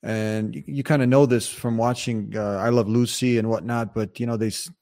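A man's voice: mid-range voice, fairly even intonation, normal speed, warm tone. A man hosting an interview, asking questions in a conversational way and reading passages aloud to his guest.

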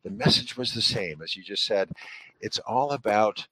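A man with a low voice, speaking as a parenting author in an interview. He explains and advises in an earnest, instructive tone, pausing on fillers as he builds his points. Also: animated, bright, forceful tone, slightly rough, no echo, poor audio. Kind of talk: interview answers giving advice.

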